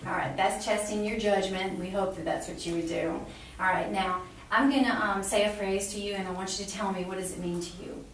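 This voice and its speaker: She speaks fairly quickly with few pauses, her mid-range voice holding a steady tone. A middle-aged nursing instructor, she's demonstrating a clinical exam and explaining each step to the patient in a small block-walled room. The camera mic sits a few feet off, making the sound roomy and distant with faint noise.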